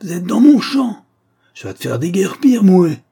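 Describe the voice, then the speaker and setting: A man voicing a gruff, indignant older male beet farmer who bellows at intruders. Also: on the high side, big pitch swings, fairly quick, mellow, pitched above the performer's own voice, heavily acted. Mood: furious.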